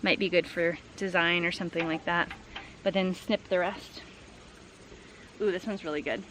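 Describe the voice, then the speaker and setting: A woman's voice: on the low side, fairly even intonation, moderate pace, a bit bright, slight background noise. Chatty woman vlogging from a flower field. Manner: chatty and upbeat, lots of fillers like "like" and "um". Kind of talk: casual vlog chat while harvesting. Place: outdoors in a flower field on a farm. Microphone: camera set low on the ground.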